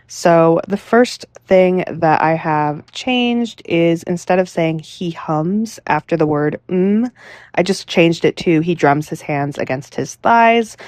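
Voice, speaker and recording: A young woman talking casually to camera about editing her novel, chatty and relaxed with lots of fillers. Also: lowish voice, no echo. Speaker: writing vlogger.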